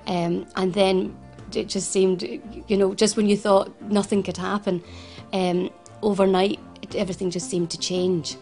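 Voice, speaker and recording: Soft music plays in the background as this forties-aged Glasgow woman, founder of a financial advice service, gives earnest personal testimony in an interview, full of restarts and repetitions. Her medium-pitched voice is flat and darkish, at a moderate pace with hardly any pauses.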